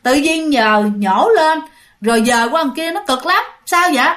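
Worn-out country laborers, as a woman puts them on, grumbling in a drawn-out, exasperated way. The voice is fairly high and rises loud on the complaints. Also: lively intonation. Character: rural men complaining about hard labor.

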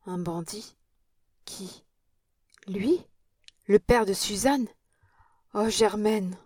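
A woman's voice: medium pitch, extremely slow, a little mellow. A woman reading an audiobook and voicing an anxious young male painter in a pleading, alarmed manner.

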